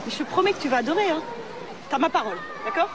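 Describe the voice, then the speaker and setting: A woman's voice: sits high, lively intonation, rapid-fire. An actress playing an exasperated, foul-mouthed young woman with a short temper in a film, speaking to a child. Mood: coaxing, patient. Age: young adult. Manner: coaxing, then explosive, foul-mouthed. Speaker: actor in a comedy film. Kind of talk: film acting. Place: outdoor public swimming pool lawn. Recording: noisy outdoor crowd behind.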